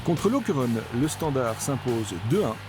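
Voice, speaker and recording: A man's voice: medium pitch, very animated, normal speed. A man reading scripted narration for a football season review. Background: music.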